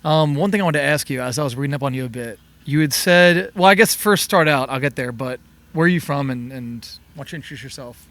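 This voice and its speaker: A male host runs a relaxed interview with an easy laugh and an encouraging manner. His voice sits at an ordinary pitch and the recording is dry, with no room sound. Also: fast talker, no room sound. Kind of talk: casual interview.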